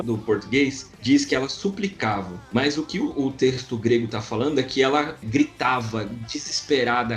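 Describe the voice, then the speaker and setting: Chatty Brazilian man explaining scripture. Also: mid-range voice. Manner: conversational, addresses partner as "cara". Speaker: Bible study podcast co-host. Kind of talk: casual Bible teaching chat.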